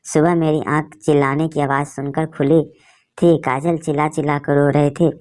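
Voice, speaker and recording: A woman narrating an emotional story in a steady, feeling storytelling manner. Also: low voice, moderate pace.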